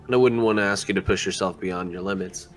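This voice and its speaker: A man's voice: low-pitched, fast, fairly bright tone, soft background music. A man speaking in character as a player in a tabletop role-playing game, hesitant and full of fillers.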